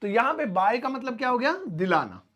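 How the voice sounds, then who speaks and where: A chatty man teaches beginners English, his voice sitting high for a man. He jokes as he goes and slips into quick little example lines to show how phrases are used. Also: sing-song, fairly bright tone. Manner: chatty, joking, acts out short example lines. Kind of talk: spoken English lesson.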